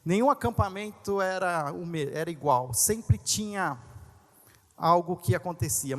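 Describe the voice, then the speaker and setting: A man pastor telling a personal story in a sermon, animated and conversational, with asides to the crowd. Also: high voice. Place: large congress hall. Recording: long reverb of a large hall.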